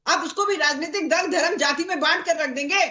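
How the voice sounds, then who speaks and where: Woman, party spokesperson, TV debate, forceful, rhetorical, high voice, bright tone. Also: fairly quick, lo-fi sound. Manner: forceful, rhetorical, lists repeated examples. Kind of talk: heated televised debate.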